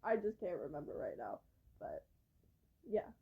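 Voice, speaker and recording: Chatting casually about books she's read, a young book reviewer rambles through her vlog with plenty of fillers. Her voice is on the low side, sing-song, gravelly with a breathy edge, and a little slow, captured on a phone camera in a muffled recording.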